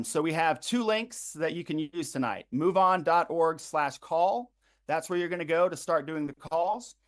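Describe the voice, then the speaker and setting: A man organizing a phone bank, walking volunteers through a calling script with frequent ums and uhs. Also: fairly high pitch. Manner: frequent ums and uhs, repeats web addresses slowly. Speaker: campaign organizer leading a phone bank livestream. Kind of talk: instructional briefing to volunteers.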